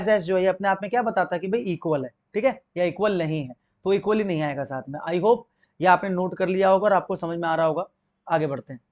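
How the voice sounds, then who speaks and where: A young Indian man teaching an exam-prep grammar lesson, asking and answering his own questions and reading example sentences slowly. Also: high voice, darkish tone, highs cut off.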